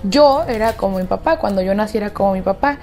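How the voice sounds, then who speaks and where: A woman's voice: mid-range voice, quick pace, darkish tone, faint music behind. A young Mexican woman narrating a storytime in a chatty way, with indignant asides to the listener.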